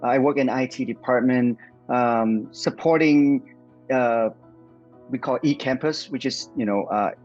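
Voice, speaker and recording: Halting Vietnamese-accented man, muffled. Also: mid-range voice, a little mellow, soft background music. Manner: hesitant, many fillers and restarts. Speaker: nonprofit founder, guest. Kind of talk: interview answers.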